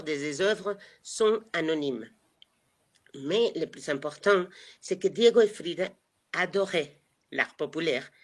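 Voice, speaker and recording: A woman with a Mexican Spanish accent, whose first language is Spanish, leads a live virtual tour. She talks in a chatty, meandering way, full of fillers and restarts, over a video call. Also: deep voice. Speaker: tour guide.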